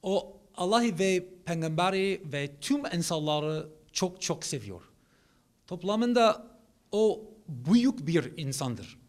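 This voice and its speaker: A man's voice: high-pitched, sing-song, slow. A man with an English-speaking foreigner's accent talks informally in broken, simple Turkish, using short repeated phrases. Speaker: academic speaker, Islamic studies expert.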